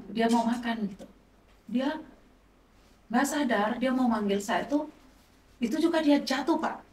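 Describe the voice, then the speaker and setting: A woman's voice: mid-range voice, a little mellow. A middle-aged woman, a pastor's wife, giving an emotional personal testimony in a conversational way. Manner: conversational, acts out quoted dialogue. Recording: roomy, distant mic, faint noise.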